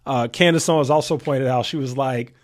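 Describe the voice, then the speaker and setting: A man's voice: mid-range voice, a little fast. A thirty-year-old man giving casual political commentary to his viewers, emphatic and full of rhetorical questions, often repeating himself. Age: 30s. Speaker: commentary channel host.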